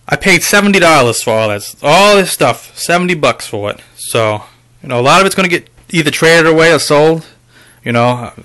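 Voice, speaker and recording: A man's voice: medium pitch, pushed and bright. A man vlogging about a game haul, telling a rambling, profane story to his viewers with lots of fillers. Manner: addresses viewers directly. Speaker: video game collector vlogger. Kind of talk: casual ranting vlog.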